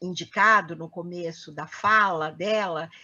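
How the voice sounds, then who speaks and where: A woman giving a brisk reminder on a video call. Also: fairly low pitch, sharp tone, dull audio.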